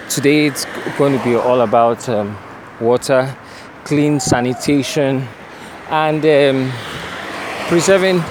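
A man with a Nigerian accent who slips into Nigerian Pidgin, giving a hesitant, unscripted field report and interview. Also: mid-range voice. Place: outdoors near a bridge. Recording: faint outdoor street and vehicle noise.

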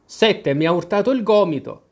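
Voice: medium pitch, expressive, moderate pace, pitched above the performer's own voice, natural voice. The narrator voicing Five, a touchy playing-card gardener with an irritable, snappish way of talking.

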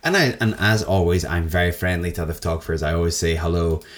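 Male co-host, deep voice, excitable casual storyteller. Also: quick pace. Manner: chatty, laughs often, excitable storytelling. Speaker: podcast co-host. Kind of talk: casual chat.

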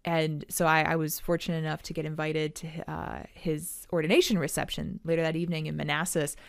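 Woman podcast co-host, lower voice, casual chat, lively storytelling, dry close sound. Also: brisk, vocal fry, no room sound. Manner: chatty, animated storytelling with many fillers.

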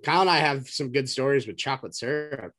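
A man's voice: mid-range voice, fast, a bit bright. A young man co-hosting a podcast, telling stories and teasing his friends. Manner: teasing, tells stories with a laugh. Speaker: podcast co-host. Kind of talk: casual storytelling chat.

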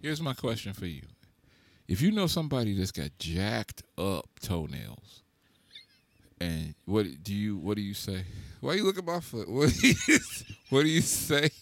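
A young adult man hosting a casual chat, teasing his co-hosts in an animated, slangy, profane way. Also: lowish voice, moderate pace. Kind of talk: casual banter.

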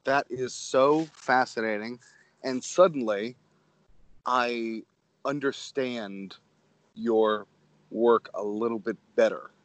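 A man's voice: mid-range voice, slow pace, long pauses, no room sound, rough recording. A man from Connecticut with an American accent, interviewing in a casual, thoughtful and somewhat hesitant way. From Connecticut, United States.

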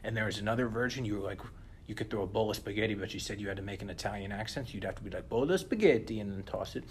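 A young man co-hosting a podcast in casual chat, animated and often turning to listeners with "listen". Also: lowish voice, racing, slight background noise. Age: young adult. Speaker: podcast co-host.

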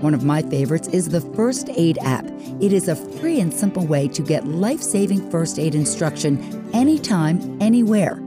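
A woman's voice: deep voice, lively intonation, normal speed, music in the background. A woman presenting a short scripted health segment for radio.

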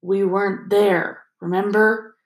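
A woman's voice: mid-range voice, flat delivery, slow pace, lightly acted. A woman reading the part of a determined teenage boy wizard who speaks firmly, in an audiobook. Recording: roomy echo.

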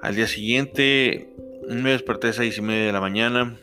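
A young Mexican man with a Mexican accent, telling a personal travel story in a relaxed, chatty way with many fillers. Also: medium pitch, moderate pace, faint music behind. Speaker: podcast storyteller. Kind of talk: first-person travel anecdote.

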